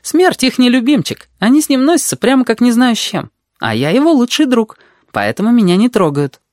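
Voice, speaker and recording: A reader voicing a bold, chatty red-haired girl who lectures quickly and jumps between topics. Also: medium pitch, very animated, a little mellow, no room sound, clean studio sound, pitched above the performer's own voice, lightly acted. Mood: bossy. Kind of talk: audiobook character voice.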